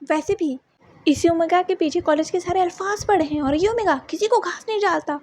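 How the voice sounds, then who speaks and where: A woman's voice: very high voice, fairly quick, darkish tone. A woman voicing gossiping young female college students who gasp and whisper about others, in a storybook reading. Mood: gossipy. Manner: gossipy, gasping.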